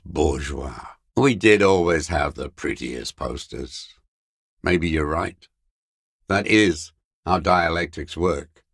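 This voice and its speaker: An old revolutionary deserter in a video game, full of bitter contempt. His voice sits low and he delivers his dogma slowly, as a zealot who scorns everyone. The sound is very dry, with no room around him. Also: a bit bright, no room sound, exaggerated voice. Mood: grudging. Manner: slow, contemptuous, doctrinaire ranting. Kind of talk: video game character dialogue.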